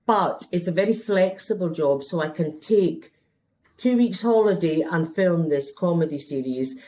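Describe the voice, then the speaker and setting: A Scottish woman in her forties, a native Gaelic speaker, chatting in a relaxed, wry way as a guest. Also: lowish voice, unhurried. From Scotland. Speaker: guest, actor. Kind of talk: casual chat. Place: festival venue.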